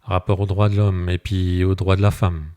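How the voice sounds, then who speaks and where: A man's voice: deep voice, little pitch movement, mellow, clean tone, natural voice. A man doing a timid old rustic shepherd. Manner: halting, repetitive rustic speech. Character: old peasant shepherd, timid and slow-witted.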